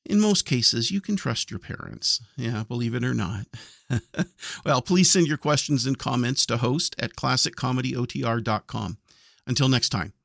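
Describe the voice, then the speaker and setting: A man's voice: medium pitch, normal speed, gravelly, fairly bright tone, no room sound, clean studio sound. A man hosting a podcast, giving casual, reflective commentary. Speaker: podcast host of classic radio comedy.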